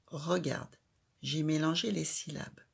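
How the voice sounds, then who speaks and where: Woman reading teacher, very slow delivery, gravelly edge, calls out syllables with emphasis. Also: low voice. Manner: slow, clear, stressing each syllable loudly. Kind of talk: children's reading lesson.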